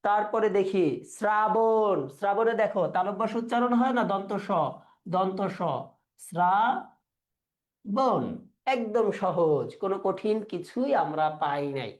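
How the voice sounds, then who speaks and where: A male teacher, running a live online exam-prep class. He quizzes the students and repeats words slowly to drill their pronunciation. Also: high-pitched.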